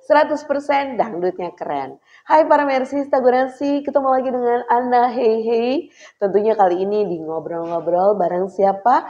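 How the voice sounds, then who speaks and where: A middle-aged woman, a former radio announcer chatting as a guest, animated and quick to laugh. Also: on the high side, muffled recording. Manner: lively, animated, laughs often, acts out voices. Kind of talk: casual chat with radio-announcer flair.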